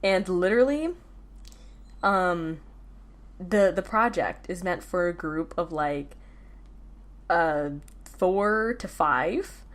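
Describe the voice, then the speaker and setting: A teenage girl talks through her school days on her own podcast, loose and rambling, full of fillers and self-corrections. Her voice sits a touch lower than most girls'. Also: animated, slow pace, long pauses. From United States. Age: teens. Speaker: podcast host. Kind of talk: casual solo chat.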